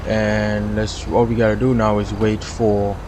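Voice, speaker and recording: A man from Trinidad gives live commentary on a police game stream in a Trinidadian accent, his voice on the low side, level in tone, and measured in pace. He's relaxed and talkative with chat, laughs often, and there's background noise.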